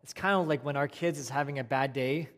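A man preaching a sermon in a conversational way, repeating phrases and swinging between raised emphasis and quiet, soft passages. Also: medium pitch, a little fast. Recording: long hall reverb.

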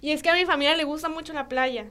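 Speaking fast in a high register, a young Mexican Spanish-accented woman appears as a podcast guest. She shares animated stories in relaxed conversation, voicing the dialogue herself with frequent fillers.

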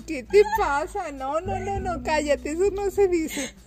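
Woman, Mexican accent, high voice, unhurried, mock-stern, laughing, podcast chat. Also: over loud music. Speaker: podcast co-host. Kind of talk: casual chat.

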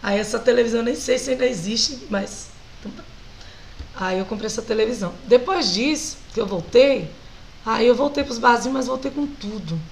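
A Brazilian woman singer with a Brazilian Portuguese accent, animated and laughing often as she tells stories as a guest in a casual interview. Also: on the high side, moderate pace, creaky, slight background noise, rough recording.

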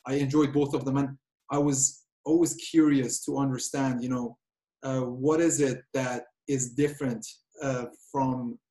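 A man's voice: medium pitch, level tone, measured pace, dark tone. A man hosting an interview, chatting casually and stumbling as he starts his sentences. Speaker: interview host.

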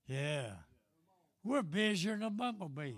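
A man's voice: high voice, expressive, measured pace. An elderly man preaching a fervent Pentecostal-style sermon in an emphatic, repetitive, folksy way. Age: 70s or older.

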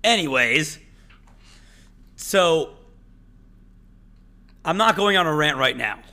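A man co-hosting a podcast in casual chat, animated and opinionated, swearing freely, his voice cracking today. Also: fairly high pitch, slow. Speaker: podcast co-host.

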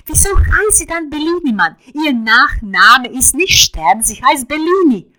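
Hotheaded young male musician, read by a woman; loud, agitated, high-pitched. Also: big pitch swings, unhurried, exaggerated voice, low-quality recording. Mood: indignant.

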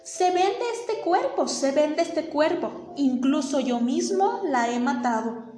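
A woman voicing a furious, brutish male villain who shouts threats in a storybook tale. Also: high-pitched, unhurried. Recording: echoey room with faint music.

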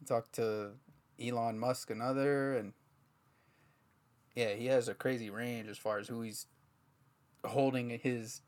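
A man co-hosting a podcast in laid-back casual chat, often trailing off into quieter asides. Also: medium pitch, fairly even intonation, unhurried, pauses often.

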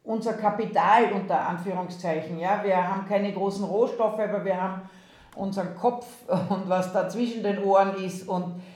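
An Austrian woman, a university president, gives an interview over a remote video call in an echoey room. Her voice is mid-range, steady and a little mellow, her pace moderate. She speaks with an Austrian accent, thoughtful and hesitant, with lots of fillers.

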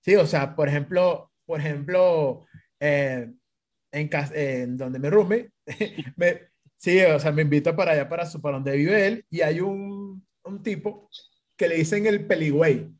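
Venezuelan man, casual storyteller, high voice, swings through voices and laughs a lot. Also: measured pace. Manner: animated storytelling, acts out quoted voices, laughs often. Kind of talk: casual chat.

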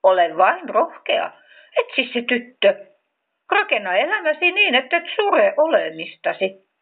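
A kind storybook creature offers gentle encouragement and questions, played by a woman reading aloud. The voice sits a little high and moves a lot. It sounds thin, as over a phone. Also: very animated, phone-quality sound. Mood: encouraging.

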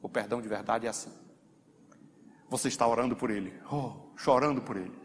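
A man with a Brazilian Portuguese accent preaching a sermon in church, acting out the prayers of his listeners and building to shouts. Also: medium pitch, fairly quick. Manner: dramatic, acts out the congregation's prayers, swells to shouting. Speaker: pastor. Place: church hall. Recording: faint hall reverb, light room noise.

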